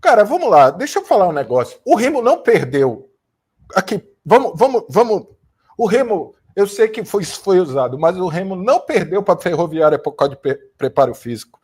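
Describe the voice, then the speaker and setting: A Brazilian man fires off a post-match football rant from his room. His voice sits high, and he hammers each point home bluntly, repeating lines and swearing now and then. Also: big pitch swings, fairly quick, a little mellow, husky. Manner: emphatic, repetitive, blunt with mild swearing. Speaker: football commentator, channel host. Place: home room with a fan running, new studio being set up.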